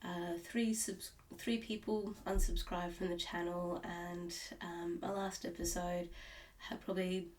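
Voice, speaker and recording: The same Australian cross-stitch vlogger talks to camera in her home, nasal from illness and meandering through restarts and fillers. Her lowish, level voice moves a little slowly with a slightly mellow quality, sitting far from the mic on a low-quality recording.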